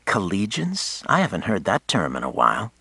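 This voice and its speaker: A man voicing a quick-witted young woman of about twenty in an audiobook, teasing and eager. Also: low voice, huge pitch swings, vocal fry, pushed and bright, breathy edge, no echo, pitched above the performer's own voice, exaggerated voice. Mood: playful. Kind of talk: audiobook character voice.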